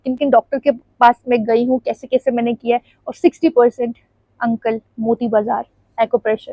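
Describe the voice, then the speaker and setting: A woman's voice: high-pitched, a little mellow, dry recording, poor audio. A young woman vlogging at home, talking in a rambling, confiding way and laughing often as she chats. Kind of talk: casual chatty vlog. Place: at home, standing before the camera.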